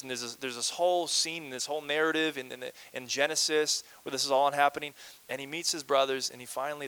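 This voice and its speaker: A male pastor from Canada preaching a lively, conversational sermon with playful asides and calls to the congregation. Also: a little high, clear, resonant tone, no echo, low-quality recording.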